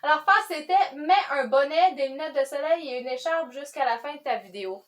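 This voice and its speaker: A chatty woman with a Quebec French accent and a fairly high voice. She talks casually to camera about books, rambling and cutting herself off with quick asides. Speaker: book vlogger.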